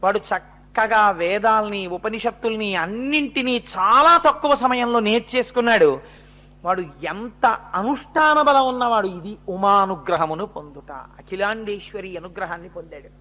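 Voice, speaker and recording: A man giving a devotional storytelling discourse, chanting verses slowly and then explaining them in lively speech. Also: sits high, poor audio. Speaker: religious discourse speaker.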